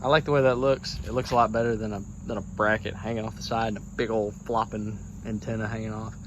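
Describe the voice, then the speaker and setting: Speaking fast with little pitch movement, a fairly low-voiced American man hosts a DIY truck vlog over background noise. His hands-on tutorial is folksy and informal as he chats casually and thinks out loud.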